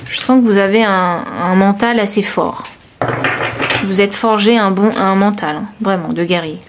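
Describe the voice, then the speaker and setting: Woman doing a tarot reading, lots of euh and restarts, soft reassuring tone, faint hiss behind. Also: medium pitch, moderate pace. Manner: hesitant, searching, many fillers and restarts; intimate, reassuring, addresses viewer directly. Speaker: tarot reader. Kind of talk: intuitive tarot reading to camera.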